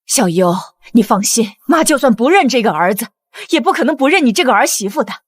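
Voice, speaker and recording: A woman's voice: fairly high pitch, animated, brisk, husky, no echo, clean studio sound. A fierce, bossy mother-in-law. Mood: reassuring. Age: middle-aged. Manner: bossy, scolding. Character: fierce, protective wealthy middle-aged mother-in-law. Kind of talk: TV drama acting.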